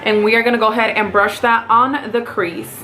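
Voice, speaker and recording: A woman's voice: a little high, steady tone, a little fast, pushed and bright, faint music behind. A woman with a Mexican accent, chatting casually through a makeup tutorial as a beauty vlogger and talking viewers through each step.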